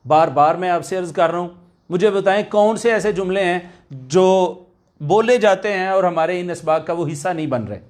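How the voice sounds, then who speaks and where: An Arabic language teacher with a high voice delivers a recorded lecture, repeatedly returning to key words and drawing them out slowly so his students can practice them.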